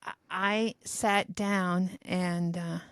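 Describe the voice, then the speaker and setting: A woman's voice: on the low side, fairly even intonation, drawn-out words, a bit bright, clean tone, dry recording. A woman in her seventies, co-hosting a podcast, telling a long personal story in a rambling, self-deprecating way. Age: 70s. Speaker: podcast co-host telling diary stories. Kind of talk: casual storytelling chat.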